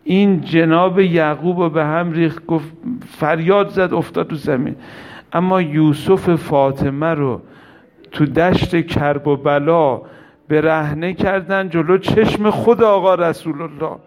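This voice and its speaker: A man's voice: fairly high pitch, steady tone. A man delivering a religious mourning sermon in an emotional, pleading, lamenting manner. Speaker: mourning preacher.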